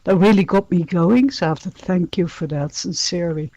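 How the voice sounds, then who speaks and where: A woman's voice: on the low side, fairly quick, mellow, no echo, dull audio. Woman co-host in a dry-sounding chat. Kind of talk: casual chat.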